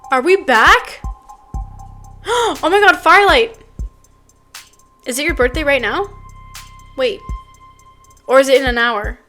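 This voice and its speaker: A young woman streaming, chatting casually in a bubbly, excitable way with quick asides. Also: high voice, soft background music. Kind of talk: casual live-stream chat.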